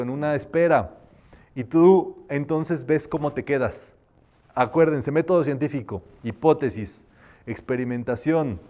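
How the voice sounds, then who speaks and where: A man's voice: fairly high pitch, darkish tone. A man teaching a live metaphysics class, explaining patiently and sometimes demonstrating by chanting affirmations.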